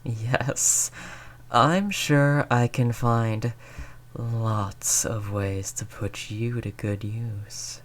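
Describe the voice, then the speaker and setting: A predatory aristocratic vampire acted out by a performer in a roleplay audio drama. The delivery is very unhurried and theatrical, silky and taunting, drawing out each menace with seductive relish. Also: mid-range voice, steady tone. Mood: possessive seduction. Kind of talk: scripted roleplay audio monologue.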